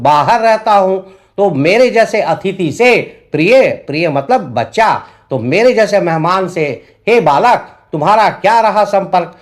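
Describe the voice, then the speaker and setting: A male tutor explaining a poem line by line, repeating each verse and paraphrasing it in simple words. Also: high-pitched. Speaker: Hindi tutor.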